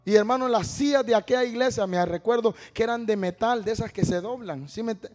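A man preaching a sermon as a testimony, telling a story and calling out "hermano" as he builds to shouting. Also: high voice, a little fast. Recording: long hall reverb.

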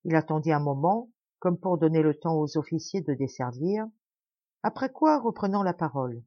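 A woman reading a classic tale aloud as an audiobook narrator, measured and expressive. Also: low-pitched, no echo, lo-fi sound. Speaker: audiobook reader. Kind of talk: scripted narration.

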